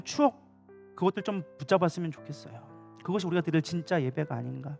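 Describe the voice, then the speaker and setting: A man with a high voice preaching quickly and passionately, talking to his congregation in a conversational way. The sermon is delivered in a church sanctuary during an evening service, with faint instrumental music behind him. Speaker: pastor.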